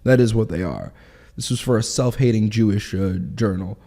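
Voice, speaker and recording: A man of twenty, telling his story in a candid interview in quick, animated bursts. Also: fairly low pitch. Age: 20s. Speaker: guest.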